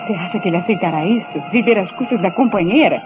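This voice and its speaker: A woman's voice: mid-range voice, fast, lightly acted. An actress with a Brazilian accent playing an anguished, lovelorn young mother in a radio soap opera, theatrical and defensive. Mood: agitated. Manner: theatrical, emotional, emphatic. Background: music.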